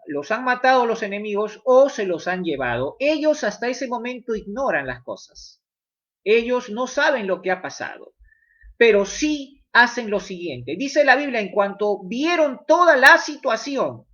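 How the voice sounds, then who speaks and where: A man's voice: high-pitched, sharp tone, highs cut off. A man preaching a sermon, emphatic, putting questions straight to his listeners.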